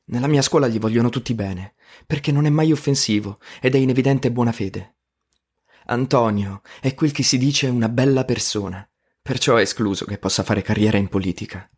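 A man with a husky, slightly breathy voice narrates a story in the first person. His pitch sits in the middle range. His delivery is wry and ironic. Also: a little fast, darkish tone.

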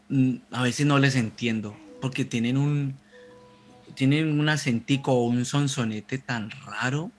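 A man, co-hosting a podcast in casual, slangy chat, telling stories quickly between laughs. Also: medium pitch, a bit bright. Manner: rapid, laughing, slangy storytelling. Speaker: podcast co-host.

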